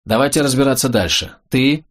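A cool, imperious young woman with a sharp tongue, as a male narrator puts her on. She gives orders and mocks others. The voice is husky and medium in pitch, read as an audiobook. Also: brisk, natural voice. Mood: commanding. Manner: imperious, sarcastic.

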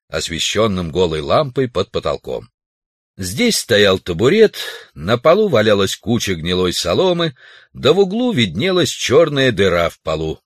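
A man narrates an audiobook in a low voice with a lot of rise and fall. The recording is close and dry, with no room sound. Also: no echo. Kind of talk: audiobook reading of a sci-fi story.

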